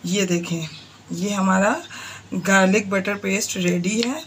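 A cooking channel host with a Pakistani Urdu accent guides viewers step by step through a recipe in her home kitchen, chatting and repeatedly pointing things out. Her medium-pitched voice is fairly even and slow, with background noise.

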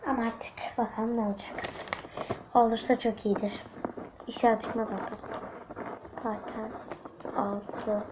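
A young woman vlogging at home, chatty and excitable, talking straight to her viewers. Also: on the high side, measured pace, pauses often, background noise. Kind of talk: casual home vlog. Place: at home indoors.

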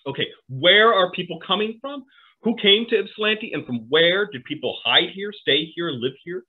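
A man's voice: high-pitched, expressive, normal speed, husky. A middle-aged man giving an online history lecture from home on a video call, talking conversationally with asides and tag questions. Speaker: historian presenting a talk. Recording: phone-like narrow audio.

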